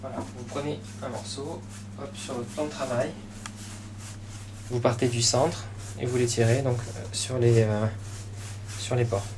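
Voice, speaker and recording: French guy walking you through a recipe, mid pitched voice, chatty and encouraging, noisy kitchen behind him. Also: steady tone, measured pace, pauses often. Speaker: cooking show host. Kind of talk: casual step-by-step recipe demonstration. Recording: clearly noisy room ambience behind voice.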